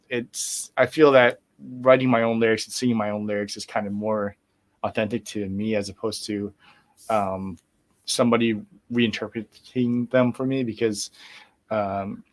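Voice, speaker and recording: A middle-aged guest musician chats in a casual interview, relaxed and rambling, full of fillers and restarts. His voice is fairly low and he talks at a normal speed.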